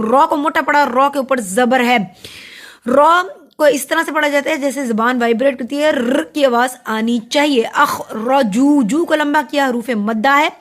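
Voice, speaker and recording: A woman teaching Quran recitation rules, explaining each letter and drawing out the words slowly. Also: high-pitched. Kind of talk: tajweed lesson with recitation.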